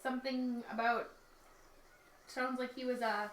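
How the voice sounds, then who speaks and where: A woman's voice: a little high, fairly even intonation, measured pace. A woman narrating as dungeon master in a chatty way, often laughing and correcting herself. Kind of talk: narrating a tabletop game. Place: dining room table with players. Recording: echoey room, mic far off, faint noise.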